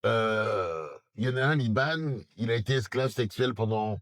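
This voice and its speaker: Earnest French man, halting interview answers. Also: lowish voice, a bit bright. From southwest France. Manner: earnest, many hesitations and restarts. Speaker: TV documentary presenter, interviewee.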